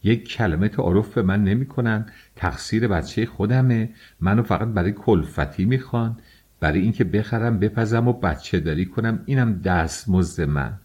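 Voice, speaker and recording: A man's voice: on the low side, darkish tone, breathy edge. A man reading an audiobook, voicing a self-pitying older mother-in-law who wails and reproaches. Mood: tearful complaint. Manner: wailing, reproachful.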